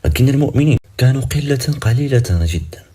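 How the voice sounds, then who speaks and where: A man's voice: mid-range voice, expressive, fast, mellow, slightly rough. A man narrating a dramatic story in a scripted, suspenseful way, ending sections with cliffhanger questions.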